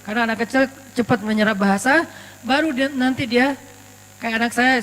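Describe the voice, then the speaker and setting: A man's voice: extremely high pitch, brisk, fairly bright tone. A man from Aceh giving a casual, chatty sermon, telling stories with joking asides. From Aceh, Indonesia. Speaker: preacher. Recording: reverberant hall with mains hum.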